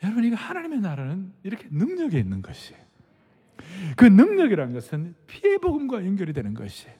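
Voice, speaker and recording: A man in his sixties, a senior pastor preaching a sermon, emphatic, repeating key phrases and swinging from hushed to loud. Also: high voice, wildly swooping pitch, fast talker, husky. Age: 60s. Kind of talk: sermon with personal anecdote. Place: large church sanctuary. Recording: long reverb of a big hall.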